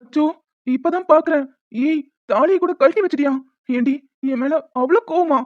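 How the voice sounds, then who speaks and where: A woman's voice: sits high, moderate pace, no echo, close to an everyday voice. A woman voicing a teasing, playful young man in a cartoon. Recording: dull lo-fi, dry.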